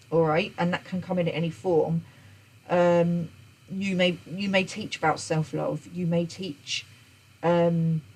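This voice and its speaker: A woman's voice: lowish voice, darkish tone, husky, rough recording. A woman gives an unscripted tarot reading. She talks earnestly, often repeats and restarts her phrases, and checks in with "okay?". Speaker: tarot reader.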